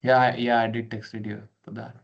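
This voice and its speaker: A man joining a community meeting over a video call, asking brief questions and giving quick acknowledgments. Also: mid-range voice, little pitch movement, gravelly. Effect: heard over a video call. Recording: muffled video-call audio from a distance.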